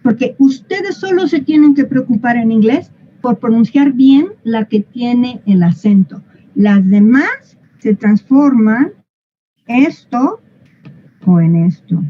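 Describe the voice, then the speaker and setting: Slow-spoken woman teaching English. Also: on the high side, expressive, highs cut off. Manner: patient, playful, asks the class questions and models sounds. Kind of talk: classroom explanation.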